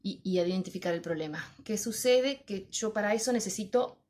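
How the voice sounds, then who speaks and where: A woman's voice: medium pitch, fairly quick, darkish tone. Woman, middle-aged, chatty teacher talk, keeps asking herself stuff and answering it. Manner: reflective, asks herself questions and answers them. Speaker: teacher trainer.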